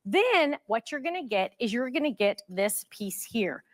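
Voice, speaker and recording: A woman's voice: fairly high pitch, very animated, measured pace, no room sound, clean studio sound. A woman working as a home shopping host, demonstrating products in a chatty, gushing and emphatic way.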